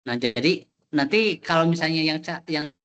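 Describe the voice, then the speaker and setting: A man's voice: on the high side, expressive, moderate pace, a bit bright, smooth. Male lecturer, choppy breaking-up call audio, probing questions. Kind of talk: online class consultation. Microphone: video call.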